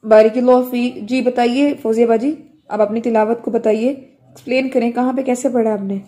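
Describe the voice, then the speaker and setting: A woman tajweed teacher running an online Quran recitation class, correcting students and modelling the recitation slowly. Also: a little high, steady tone, warm tone.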